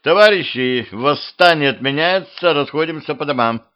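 A man voicing a brash male gang leader who shouts in crude street slang, in a home audiobook. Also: a little high, animated, normal speed, dull audio, pitched above the performer's own voice, natural voice. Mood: angry.

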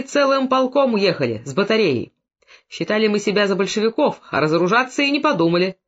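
A boastful, hot-headed Cossack soldier, as a man reads him in a storybook, with a high voice that leaps up and down. The sound is dull and lo-fi. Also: fairly bright tone, full character voice. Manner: boastful, then furious and threatening. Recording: dull lo-fi recording.

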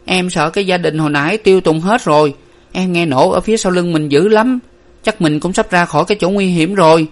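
Man doing a fearful younger sister, storybook, whimpering, anxious, high voice. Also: quick pace, hardly any pauses, lightly acted.

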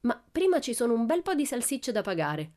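A woman's voice: fairly high pitch, very animated, brisk, pitched above the performer's own voice. A woman voicing a cheeky, fearless little girl who teases with mock politeness, in a radio story reading. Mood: teasing. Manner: cheerful, teasing, mock-gentle.

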